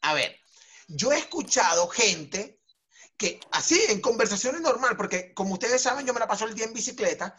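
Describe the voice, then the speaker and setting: Venezuelan male host, animated storyteller, husky, swinging pitch. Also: normal speed. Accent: Venezuelan Spanish. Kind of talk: casual chat with friends.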